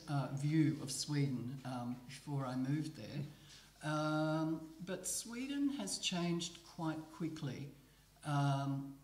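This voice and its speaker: A middle-aged woman from Australia, speaking as a migration researcher on a panel, measured and thoughtful with many pauses. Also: low voice, darkish tone. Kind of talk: panel talk at a book presentation. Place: gallery room, panel at a table. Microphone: table mic on a stand. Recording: roomy gallery echo.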